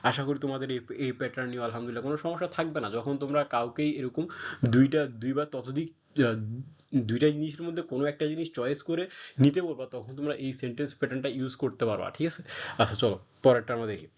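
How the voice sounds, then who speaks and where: A man's voice: mid-range voice, quick pace, darkish tone, highs cut off. A man teaching a beginner Japanese grammar lesson in a casual, patient way, stopping often to check that students follow. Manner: patient, frequent fillers and check-ins.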